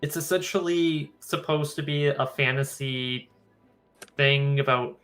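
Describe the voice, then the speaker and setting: A man's voice: medium pitch, fairly even intonation, unhurried, a bit bright. A young man in casual group chat, talking loosely and hedging with "not gonna lie". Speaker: stream participant. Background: music.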